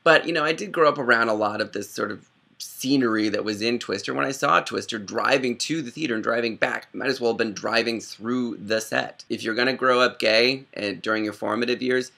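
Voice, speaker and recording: A young man from the Chicago area, riffing sarcastically and rambling through a casual comedic vlog, with quick impressions. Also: lowish voice, vocal fry, pushed and bright. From Chicago area, Illinois. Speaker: video host.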